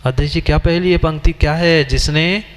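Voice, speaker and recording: Male Jain monk preacher, fairly high, smooth voice, quizzing the hall, long reverb. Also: a little fast. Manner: questioning, scolding and teaching the audience directly. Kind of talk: sermon.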